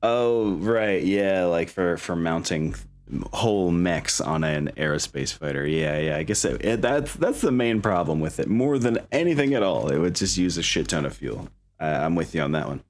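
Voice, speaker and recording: A man acting as game master and stream host chats casually with players and viewers in an upbeat, informal way. His voice is low, with lively intonation, at normal speed.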